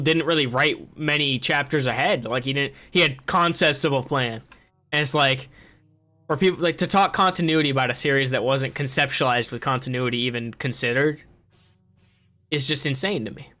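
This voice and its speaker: A man's voice: mid-range voice, bright, forceful tone. A young man hosting a gaming podcast, ranting in casual chat and swearing freely. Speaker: podcast host.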